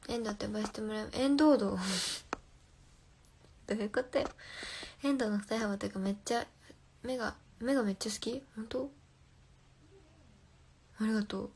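A woman's voice: medium pitch, vocal fry, noisy background. A young woman hosting a casual phone livestream, reading viewer comments aloud and answering playfully, often dropping to a whisper. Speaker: livestream host.

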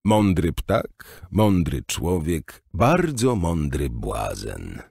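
A man reading an audiobook voices a mad male jester who chants nonsense rhymes in a slow, drawn-out singsong. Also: low voice, huge pitch swings, creaky, darkish tone, breathy edge, no room sound, clean studio sound, full character voice. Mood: chanting.

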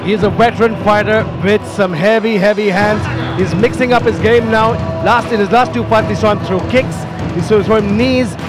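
A man's voice: high-pitched, fairly even intonation, moderate pace. A man calling a live mixed martial arts fight as play-by-play commentator. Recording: live arena broadcast, crowd and music behind.

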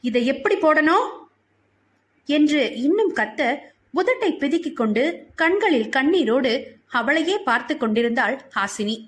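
A woman reads a novel aloud in an even, measured way. Her voice sits high and clear as she carries the narration along steadily. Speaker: audiobook narrator.

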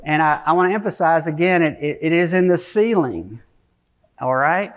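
A middle-aged man gives an informal technical keynote from the podium area of a conference stage. His voice is a little high and expressive at a normal speed. He keeps it conversational, tossing in tag questions like "okay?" and "right?" and clearing his throat often.

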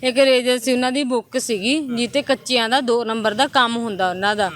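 High-voiced Punjabi woman giving testimony. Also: fairly even intonation, a little fast, fairly bright tone. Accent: Indian Punjabi. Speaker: bereaved wife being interviewed. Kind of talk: street news interview testimony.

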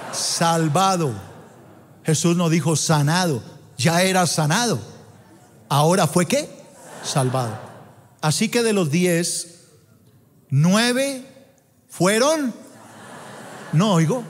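A man delivers an emphatic sermon at an unhurried pace. His voice sits high, and he stops to let the congregation supply the next word. A long reverb from the church auditorium trails behind every phrase. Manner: emphatic, asks the congregation to fill in words. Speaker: preacher.

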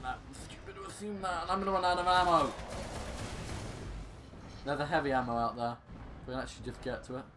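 A young man hosting a gaming video gives rambling, exasperated commentary with joking complaints and mild swearing. His fairly high voice has fairly even intonation, and he talks fast but leaves long pauses. Video game action sounds come through clearly behind him against a noisy background.

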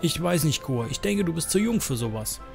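A man's voice: a little high, very animated, a little fast, vocal fry, music in the background, voice pushed up, heavily acted. A man voicing a stern, protective old woman elder from a game, reading her lines in a lecturing, firm tone. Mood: warning.

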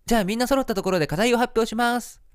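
A man's voice: very high-pitched, rapid-fire, clean tone, pitched above the performer's own voice. A man voicing a timid, polite female monster teacher who sounds a little flustered.

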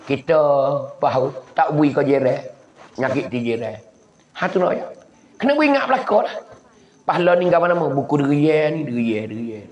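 A man's voice: medium pitch, moderate pace, darkish tone. A man from southern Thailand with a Patani Malay accent, giving a folksy religious lecture and mimicking animal noises as he tells stories. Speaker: Islamic preacher. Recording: echoey lo-fi recording.

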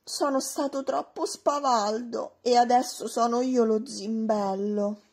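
A woman voicing a boastful young male prankster dinosaur from a children's storybook, in a high, stretched-out cartoonish way. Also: fairly even intonation, unhurried, darkish tone, a little hiss or hum. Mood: sheepish.

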